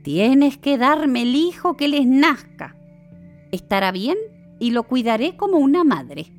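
A woman voicing a wrathful, powerful old witch in a storybook reading, speaking slowly and menacingly and drawing out her calls. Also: sits high, very animated, faint music behind. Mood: bargaining. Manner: slow, menacing, drawn-out calls.

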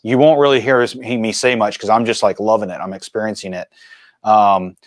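A man in his forties, a filmmaker and mountain biker, telling stories as a guest in a casual interview with animated, chatty energy. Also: fairly low pitch, brisk, no room sound. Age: 40s.

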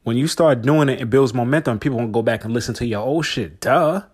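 A man in his forties hosts a one-person podcast, easygoing and slangy as he speaks right to his listeners. He talks quickly at a medium pitch, with a breathy edge to his voice.

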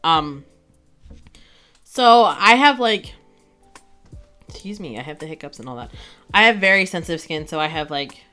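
A woman's voice: low-pitched, lively intonation, moderate pace, long pauses, bright, forceful tone, soft background music. Giggly chatty woman podcast co-host. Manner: chatty, giggly, full of fillers. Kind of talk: casual chat.

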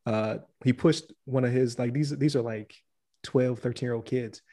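A man with a mellow, warm voice tells a story at an easy pace. He sounds relaxed and laughs often as he goes. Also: medium pitch, moderate pace. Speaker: podcast co-host. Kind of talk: casual chat.

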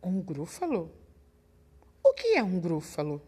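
A woman's voice: lowish voice, wildly swooping pitch, unhurried, dark tone, husky, full character voice. A woman voicing a nervous, hungry female snake who keeps asking questions in a storybook reading.

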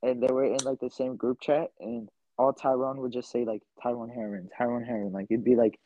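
Laid-back young guest on a dull mic. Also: male voice, mid-range voice, fairly even intonation, brisk, dark tone, no room sound. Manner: laid-back, filler-heavy storytelling. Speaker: podcast guest. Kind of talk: casual interview.

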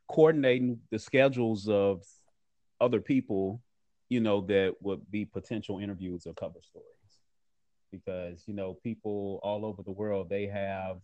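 Low-voiced man answering interview questions earnestly. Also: dark tone, dry recording. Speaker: magazine editor and founder being interviewed.

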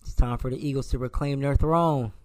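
A man's voice: mid-range voice, fairly even intonation, brisk, no room sound. A man co-hosting a casual sports podcast, ranting animatedly and calling players and coaches out. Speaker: podcast co-host.

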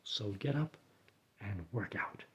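A man reading reflections and a recipe aloud in a soft, often whispered voice, with dry deadpan asides. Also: fairly low pitch, takes it slowly.

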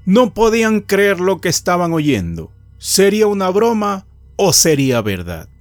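A man's voice: high-pitched, sing-song, a little slow, no room sound. Man narrating a horror tale. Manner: dramatic storytelling. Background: faint music.

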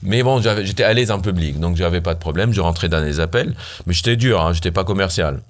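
A man's voice: low-pitched, quick pace. A founder from Syria, telling his story animatedly in an interview, with many fillers and restarts. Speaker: startup founder guest.

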